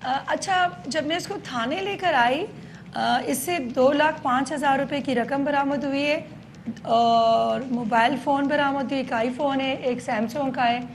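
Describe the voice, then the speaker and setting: Woman, police chief, news interview, high pitch, hesitant pauses. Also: slight background noise. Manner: explanatory, hesitant with frequent pauses.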